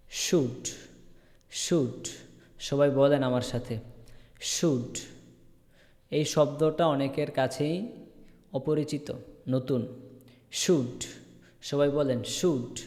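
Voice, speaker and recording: A man leads an online English lesson, drilling each word again and again and asking students by name to repeat it. His voice sits at an ordinary middle pitch. A long reverb trails behind every phrase. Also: a little mellow. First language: Bengali. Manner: slow, repetitive drilling, calls on students by name. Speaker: English teacher. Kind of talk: online spoken English class. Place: online video call class.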